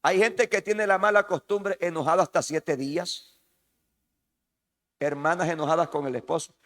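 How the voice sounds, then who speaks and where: A man's voice: fairly high pitch, fairly even intonation, moderate pace, a bit bright. A Salvadoran man preaching a sermon as pastor, emphatic and repetitive, often calling out to the congregation as "hermano". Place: church hall. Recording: reverberant church hall.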